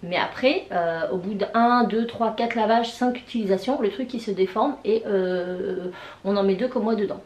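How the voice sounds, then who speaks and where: Hoarse woman with a swollen-tonsils voice, echoey room. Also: medium pitch, moderate pace, a little mellow, lo-fi sound. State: sick with tonsillitis, hoarse, voice mostly gone. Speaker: vlogger. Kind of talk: casual vlog chat. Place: indoors, bedroom. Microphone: camera on a tripod.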